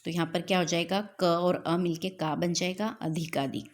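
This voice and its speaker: Hindi teacher woman, slightly low voice. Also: little pitch movement, moderate pace. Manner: explanatory, repeats "है ना" and "okay" to check understanding; mixes English words into Hindi. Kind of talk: classroom grammar lecture.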